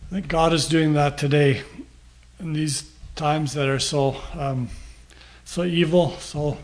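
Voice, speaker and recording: An older man reading scripture aloud and then preaching a sermon in slow, measured phrases with frequent pauses. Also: a little high, fairly even intonation.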